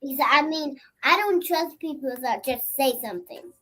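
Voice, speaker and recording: Young girl, high-pitched, short comments and questions. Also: normal speed, pushed and bright. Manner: chimes in with short remarks and questions. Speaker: host's daughter chiming in.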